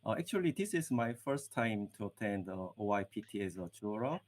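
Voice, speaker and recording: A man from South Korea with a Korean accent, introducing himself formally in halting, hesitant English. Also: lowish voice, very animated.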